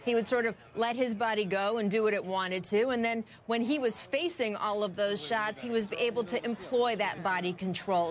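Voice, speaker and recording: A woman's voice: a little high, slight background noise. A woman with an American accent reporting sports on the news in an enthusiastic, emphatic, conversational way. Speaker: sports correspondent on a news broadcast.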